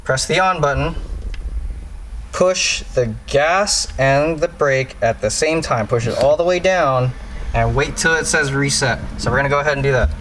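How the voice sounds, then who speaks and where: A man walking viewers through car maintenance in a casual how-to style, chatty and hurried as he works. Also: medium pitch, a bit bright. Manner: hurried, chatty, restarts phrases while working. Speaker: DIY car maintenance vlogger. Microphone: camera-mounted mic. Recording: echoey garage, faint noise.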